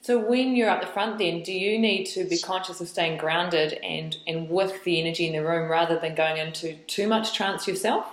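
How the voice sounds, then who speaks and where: A woman interviewing a guest, asking curious, gently probing questions and affirming with soft mms. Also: fairly low pitch, steady tone, normal speed, hardly any pauses, echoey room, rough recording.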